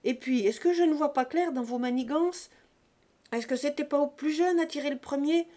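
Angry young peasant guy yelling and ranting, pitched up loud, woman doing him. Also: normal speed, natural voice. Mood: furious. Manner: shouting, ranting. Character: furious young male peasant, bitter and jealous.

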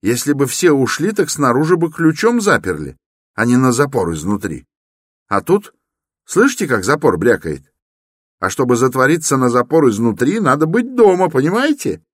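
A man reading an audiobook, voicing an eager, excitable young law student who talks urgently and insistently. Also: medium pitch, slow pace, no room sound, studio quality, voice pushed up, exaggerated voice. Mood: excited.

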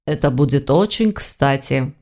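A woman voicing a calm, thoughtful man investigator in an audiobook, dropping her voice and slowing down. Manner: slow, lowered, measured delivery.

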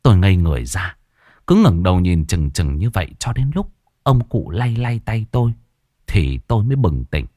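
A man narrates a ghost story in the first person, reading with dramatic expression. His voice is on the lower side, husky, and swings widely in pitch. It sounds dry and close with no room around it. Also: very animated, normal speed, dark tone, no echo.

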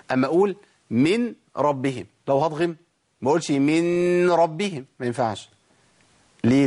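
A man with a medium-pitched, slightly rough voice and an Egyptian Arabic accent gives a tajweed lesson on Quran recitation rules. He poses questions and answers them himself, drawing out sample sounds as he goes.

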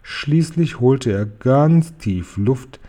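A man reading a children's storybook aloud, slowly and expressively. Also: medium pitch. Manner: slow, careful, expressive. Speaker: reader.

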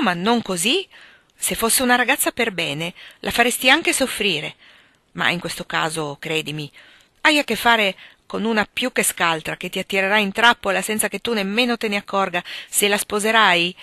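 Woman voicing a pleading doting mother, lecturing, bright forceful voice, dry recording. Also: mid-range voice, lively intonation, slow pace, few pauses, breathy edge, dry recording, exaggerated voice. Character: anxious, doting middle-aged mother.

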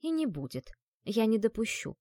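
A small female elf exorcist speaks in a patient, soothing tone, voiced by a woman reading aloud. Her voice sits fairly high. The sound is dry and close. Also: very animated, normal speed, dark tone, no room sound.

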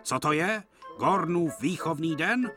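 A grand, self-important male engine with a lofty, lively, swooping voice, as a man puts him on, sneering at everyone beneath him. The delivery sits high for a man, over clear music from a cartoon dub. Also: close to an everyday voice. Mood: haughty. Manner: haughty, scornful. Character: big pompous proud male express engine.

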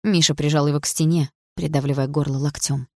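A woman narrating an audiobook of a romance novel in an even, steady reading voice. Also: low-pitched, fairly quick, dry recording, studio quality. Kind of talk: scripted narration.

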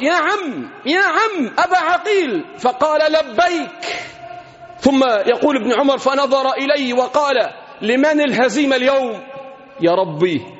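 A man with an Egyptian Arabic accent preaching an Islamic sermon, swinging between hushed and shouted passages. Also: extremely high pitch. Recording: muffled recording in a reverberant hall.

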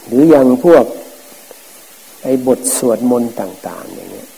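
A middle-aged man, a Buddhist forest monk, giving a calm, plain-spoken dharma talk. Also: fairly low pitch, measured pace, gravelly, breathy edge. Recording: hissy, noisy old recording.

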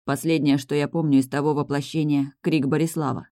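Woman doing a sorry young guy mage, soft mellow tone, gentle and sad, dry sound. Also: sits low, flat delivery, fairly quick, no room sound. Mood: grave. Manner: tender, regretful. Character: devoted young male mage, remorseful lover.

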